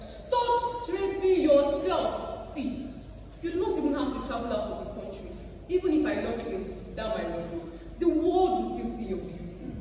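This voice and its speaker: A woman's voice: sits high, very animated, normal speed, warm tone. A woman voicing a proud, affectionate Nigerian mother with an Urhobo accent, theatrical and emphatic, in a stage speech. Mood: affectionate, reassuring. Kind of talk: dramatised quote in a stage speech. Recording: echoey hall from far off, faint noise.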